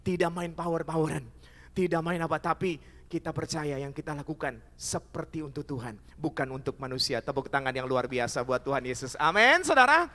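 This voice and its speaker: Male preacher, high bright tense voice, lively sermon that keeps calling out to the people, long hall reverb. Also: brisk. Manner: lively preaching that calls out to the congregation. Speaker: pastor.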